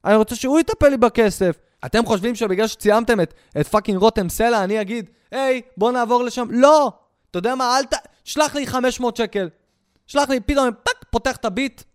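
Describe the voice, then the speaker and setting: Young guy ranting stand-up style, high smooth voice, crude and sarcastic, dry close sound. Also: dry recording. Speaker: comedian. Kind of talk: stand-up rant.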